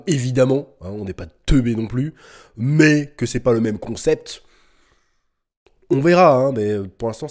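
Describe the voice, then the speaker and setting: A man hosting a casual news reaction video, talking informally and ranting with indignant outbursts. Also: mid-range voice. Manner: animated, ranting, rising to indignant peaks; informal slang and swearing. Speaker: host.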